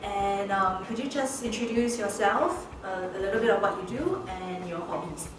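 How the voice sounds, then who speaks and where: A woman's voice: medium pitch, expressive, moderate pace, noisy background. Upbeat woman interviewer, far from the mic. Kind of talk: interview questions. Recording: distant, echoey, music under.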